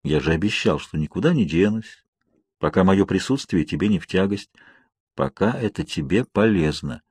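A man voicing a calm, protective young male vampire who speaks softly and evenly. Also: sits low, husky, dry recording. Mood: tender. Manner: soft, measured, gently teasing.

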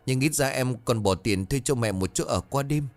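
A man's voice: medium pitch, moderate pace, faint music behind, pitched above the performer's own voice, close to an everyday voice. A man voicing a tearful youngest daughter who sobs and defends herself. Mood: defensive. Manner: sobbing, pleading.

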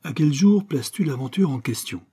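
A man voicing a sharp, commanding detective in an audiobook, firing off brisk questions and orders in a raised, higher voice. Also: expressive, breathy edge. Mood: brisk, probing. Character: sharp, commanding male detective, mid-life.

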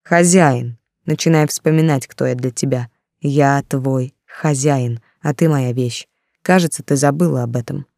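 A cruel, jealous warlord spits contempt and threats, as an audiobook reader voices him. The tone is dark and mellow, and the recording is close and completely dry, with no room around it. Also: mid-range voice, measured pace, gravelly, dry recording. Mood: menacing. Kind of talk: audiobook character reading.

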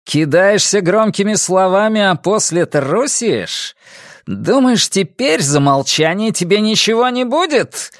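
A man's voice: high voice, lively intonation, measured pace, slightly rough, no echo, studio quality, pitched above the performer's own voice, heavily acted. A man voicing a young, hot-tempered count who speaks angrily, defiantly and with menace. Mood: menacing. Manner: angry, defiant, threatening.

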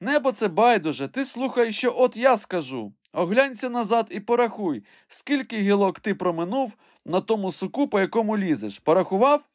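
A man voicing an excitable, obsessed gentleman treasure hunter who gives agitated, trembling commands. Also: high voice, moderate pace, few pauses, no room sound, studio quality, voice pushed up. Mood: commanding.

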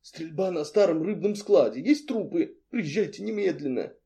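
A male audiobook reader voicing a frightened but defiant young woman who speaks in hushed, urgent whispers. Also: fairly high pitch, animated, moderate pace, gravelly, pitched above the performer's own voice. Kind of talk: audiobook character reading.

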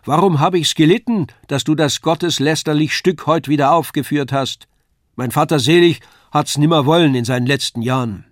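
A man doing a shrill scolding puppeteer's wife. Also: normal speed, no echo, studio quality, lightly acted.

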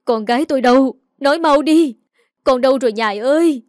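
A woman voicing a distraught middle-aged mother who pleads and shouts in a raised voice. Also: medium pitch, brisk, no echo, clean studio sound, lightly acted. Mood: furious.

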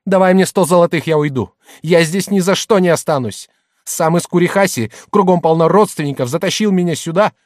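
A man reading an audiobook, voicing a middle-aged merchant's wife who mocks and shouts at her husband. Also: fairly high pitch, a little fast, dry recording, clean studio sound, close to an everyday voice. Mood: tearful fury. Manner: loud, mocking, hectoring.

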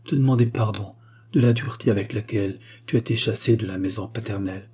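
A man's voice: fairly low pitch, fast talker, warm tone, husky. A man voicing a remorseful, tender aristocratic mother in an audiobook reading, earnest and confiding.

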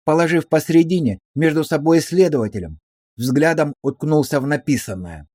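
Guy reading an audiobook, slightly high voice, dry close mic. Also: normal speed, darkish tone, no echo. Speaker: narrator.

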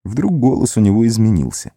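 A man narrating an audiobook in an expressive storytelling manner. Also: sits low, normal speed, no echo, clean studio sound. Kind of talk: scripted narration.

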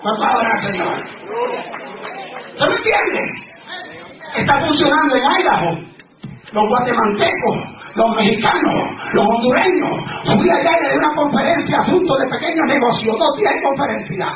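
A man preaching a fervent sermon as pastor, asking rhetorical questions and shouting out exclamations. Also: extremely high pitch, animated, normal speed, pauses often, very noisy. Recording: echoey, distant, dull sound with a crowd.

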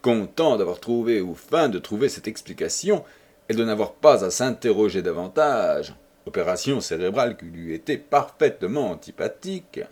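A man narrating a classic novel as an audiobook, with expressive storytelling. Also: fairly low pitch, normal speed. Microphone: home microphone.

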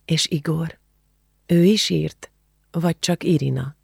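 A woman's voice: sits low, a little mellow, dry recording. Earnest teenage girl, heartfelt and bookish, in a close, dry audiobook read, voiced by a woman narrator. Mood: hushed. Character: earnest teenage refugee girl, book-loving. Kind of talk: audiobook character reading.

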